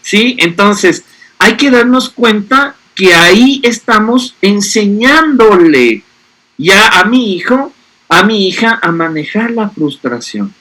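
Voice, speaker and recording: A man's voice: high voice, big pitch swings, slow, sharp tone. A man, explaining parenting to an audience and often checking in with rhetorical questions. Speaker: speaker on a parenting panel.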